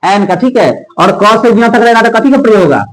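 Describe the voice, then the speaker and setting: Man teacher, high voice, drills exam grammar, keeps checking "theek hai" and firing quiz questions. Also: animated, fairly quick, rough recording. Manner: repeats "theek hai" often and quizzes the listener with rhetorical questions. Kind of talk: exam-prep grammar lesson.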